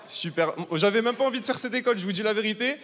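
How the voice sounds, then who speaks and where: Fast-talking young male stand-up comic, reverberant hall. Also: sits high, fairly bright tone. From southern France. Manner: brash, chatty, teasing the crowd. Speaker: stand-up comedian. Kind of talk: stand-up comedy set. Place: large live comedy hall, audience of 800. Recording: live hall with reverb and faint ambience.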